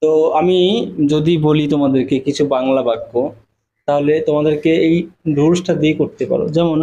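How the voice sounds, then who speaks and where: A man's voice: fairly high pitch, fairly even intonation, brisk, dark tone, lo-fi sound. A man teaching a spoken English class to students. He explains step by step, spells words out letter by letter and keeps checking in with "okay?".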